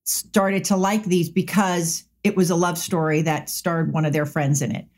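A woman's voice: on the low side, steady tone, moderate pace, a little mellow. A woman, an actress on a discussion panel, chatting casually and telling stories from past shoots. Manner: chatty anecdotal storyteller. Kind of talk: casual chat.

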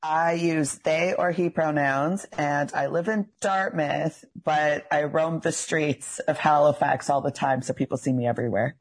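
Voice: mid-range voice, steady tone, measured pace, rough recording. A young adult esthetician from Cape Breton with a Canadian accent, chatting casually as an interview guest in a female-sounding voice. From Cape Breton, Nova Scotia, Canada. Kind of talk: casual chat.

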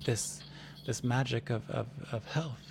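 A man's voice: mid-range voice, a little slow, gravelly, background noise. A man playing the wary leader of a people who bargains hard, stammering and restarting as he negotiates. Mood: bargaining.

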